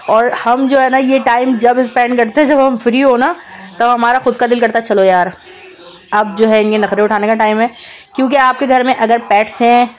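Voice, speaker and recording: Mom doing a chatty vlog voiceover, kinda high voice, fond and teasing, repeats stuff. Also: female voice, fairly even intonation, moderate pace. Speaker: vlogger, mother. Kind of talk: casual voice-over narration.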